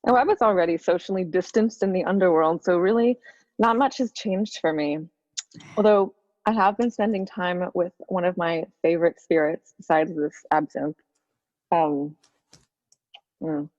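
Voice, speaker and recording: A woman's voice: on the low side, moderate pace, darkish tone, close to an everyday voice. A woman playing a dry-witted undead woman from the underworld, speaking in a dry, sardonic way. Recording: dull lo-fi sound with long reverb.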